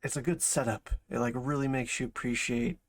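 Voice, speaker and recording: A man's voice: medium pitch, steady tone, brisk. A man chatting casually as a streamer reacting to a video, thinking aloud in broken, rambling phrases. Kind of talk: casual chat, reaction commentary.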